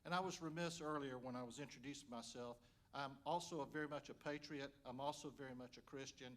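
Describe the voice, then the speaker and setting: A man's voice: medium pitch, fairly even intonation, fast, fairly bright tone. A man, a candidate, giving an earnest speech that urges voters directly at an indoor forum event. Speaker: congressional candidate.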